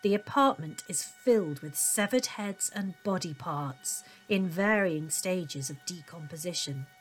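A woman's voice: on the low side, animated, a little slow. Woman true crime narrator over music. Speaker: podcast host.

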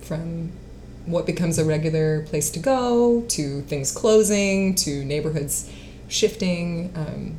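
Speaking slowly with few pauses, this singer-songwriter and actress in her late twenties has a low, dark voice. The casual interview chat is full of fillers and frequent laughter, over slight background noise.

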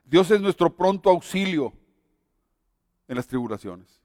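High-voiced preacher. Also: male voice, expressive, a little slow, darkish tone, dry recording, studio quality, big-room sound. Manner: earnest, exhorting. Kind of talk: sermon with personal testimony.

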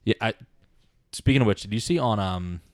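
A man's voice: lowish voice, brisk. A man hosting a casual movie podcast, rambling with many fillers and laughing often. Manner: rambling, laughs often, reads reviews aloud. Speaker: podcast host.

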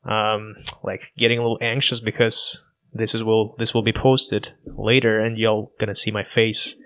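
A man's voice: fairly low pitch, flat delivery, normal speed, sharp tone. A man in his twenties from Kazakhstan with a Russian accent, hosting a casual solo podcast on a laptop, talking in a hesitant, self-conscious way with many restarts. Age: 20s. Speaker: podcast host.

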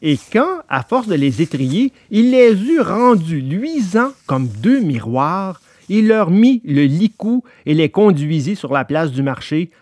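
A man narrating a storybook in an expressive, lively way. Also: a little high, no echo, studio quality.

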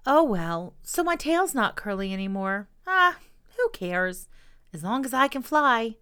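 A woman's voice: on the high side, very animated, measured pace, pushed and bright, clear, resonant tone, exaggerated voice. A woman voicing an eager, indignant young female pig who longs to fly. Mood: cheerful.

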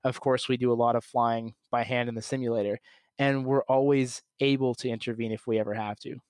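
Man, pilot guest, methodical explaining, steady monotone, dry close sound. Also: medium pitch, fairly quick, dry recording. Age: young adult. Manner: calm, methodical, plain explaining. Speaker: commercial airline pilot, podcast guest. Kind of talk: explanatory interview answers.

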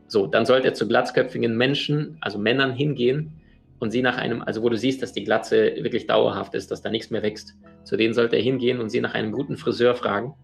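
A man who works as a personal coach, telling an anecdote in a lively way and acting out the people in it. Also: medium pitch, brisk, creaky, soft background music. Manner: lively storyteller who acts out the people he quotes. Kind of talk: anecdotal storytelling.

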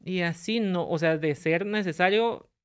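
A young adult woman with a lowish voice tells a personal story in a podcast conversation. She speaks earnestly and goes through events step by step. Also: measured pace. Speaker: podcast guest.

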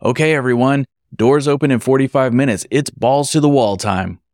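A man voicing a brisk male banquet manager who shouts orders to his staff. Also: mid-range voice, no room sound, studio quality, pitched above the performer's own voice, close to an everyday voice. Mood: urgent.

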